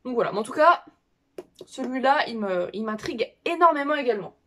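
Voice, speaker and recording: Booktube girl chatting to her viewers, lots of ums and restarts, kinda high voice. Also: lively intonation, brisk, a bit bright, slight background noise. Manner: hesitant, full of fillers and restarts. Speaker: book vlogger. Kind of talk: casual chat to viewers.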